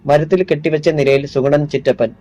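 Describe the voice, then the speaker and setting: A man reading a crime thriller audiobook in steady, measured scripted narration. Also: on the high side, lo-fi sound.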